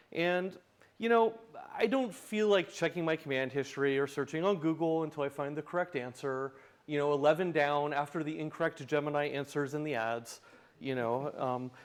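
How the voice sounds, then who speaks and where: Man, slightly high voice, tech conference speaker, live demo talk, wry, self-deprecating. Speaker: tech conference speaker, open source project founder.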